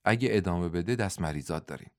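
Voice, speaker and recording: A man's voice: sits low, darkish tone, natural voice. A man voicing a jovial older male wrestling-club master in an audiobook, teasing and cheerful. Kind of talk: audiobook dialogue.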